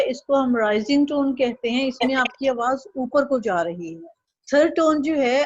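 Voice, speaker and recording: High-pitched lady teaching chinese online, slow and patient, dry close sound. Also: no echo, highs cut off. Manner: patient, slow drilling with repeat-after-me syllables. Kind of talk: online language lesson.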